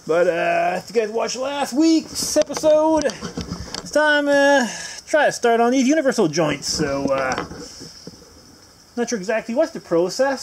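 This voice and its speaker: A man's voice: high voice, noisy background. A man hosting a casual video while working on a vehicle at home, rambling with many filler words and dry, self-mocking humor. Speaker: host. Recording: crickets and insects chirping loudly behind.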